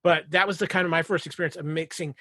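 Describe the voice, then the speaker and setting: High, bright man chatting as guest. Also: steady tone, fast, no echo. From United States. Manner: jokey, rambling with restarts. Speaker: podcast guest. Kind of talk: casual podcast chat.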